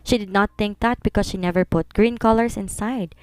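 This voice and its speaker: A woman reading a serialized romance story aloud, in a steady narrating manner. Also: mid-range voice, normal speed, clear, resonant tone, no echo. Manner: steady, mixing two languages.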